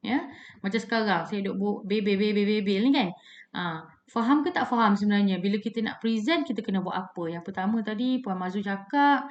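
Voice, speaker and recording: A woman's voice: medium pitch, brisk. Chatty Malaysian woman lecturer, dull audio. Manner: chatty, many fillers, mixes English terms. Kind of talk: casual online lecture.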